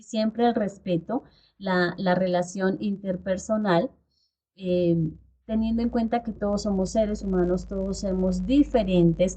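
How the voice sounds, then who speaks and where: A woman's voice: mid-range voice, mellow. A woman teaching an online class, explaining step by step and often checking in with her listeners. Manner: explanatory, frequent check-ins with "¿sí?" and "¿cierto?". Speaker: instructor. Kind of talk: online video lecture. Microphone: video call.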